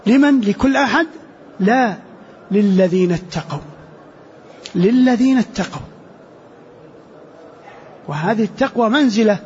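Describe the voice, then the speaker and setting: High-voiced sheikh explaining scripture. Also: male voice, darkish tone, a little hiss or hum. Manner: explains slowly, repeating key phrases and asking rhetorical questions. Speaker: sheikh teaching Quran commentary. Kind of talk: classroom commentary on scripture. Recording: dull lo-fi lecture recording.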